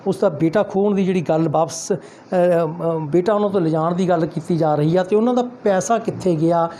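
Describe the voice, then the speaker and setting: A man's voice: high voice, fairly quick, dark tone, slight background noise. A news reporter interviewing a woman and commenting at length, hesitant with many restarts.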